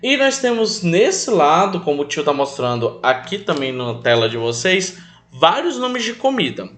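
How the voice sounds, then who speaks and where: A young Brazilian man teaching English to children online, calling his pupils affectionate names and drilling new words slowly for them to repeat. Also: fairly high pitch, sing-song, a bit bright. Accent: Brazilian Portuguese. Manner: affectionate, calls pupils "meus amores", speaks of himself as "tio".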